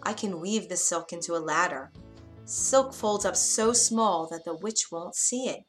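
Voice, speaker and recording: A woman voicing a gentle young maiden in a storybook reading, soft and earnest. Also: on the low side, expressive, a little slow, faint music behind. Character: timid, gentle young maiden locked in a tower.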